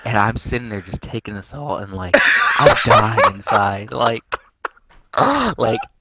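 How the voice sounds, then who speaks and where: A man's voice: fairly low pitch, slow pace, background noise. A young man co-hosting a casual chat, telling a school story and acting out what people said. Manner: animated, acts out quotes. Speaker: podcast co-host.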